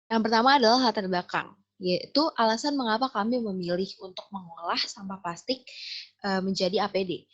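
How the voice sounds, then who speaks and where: A young woman presents a student essay as a team member. She talks in a steady, methodical way and walks through her points one by one at a mid pitch. The audio is slightly dull and lo-fi. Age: young adult.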